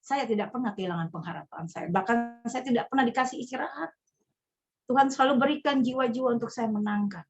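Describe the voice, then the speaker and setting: A woman's voice: fairly high pitch, quick pace, muffled recording, soft background music. A woman pastor giving an earnest, emphatic sermon.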